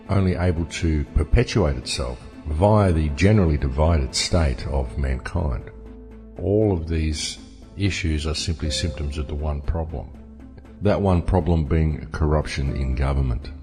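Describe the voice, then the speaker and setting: An anonymous man talks through a disguising pitch-down effect that makes his voice extremely deep and dark. He speaks emphatically in a monologue, calling his listeners folks. The voice carries a long reverb over faint music. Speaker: anonymous messenger. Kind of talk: spoken monologue to viewers.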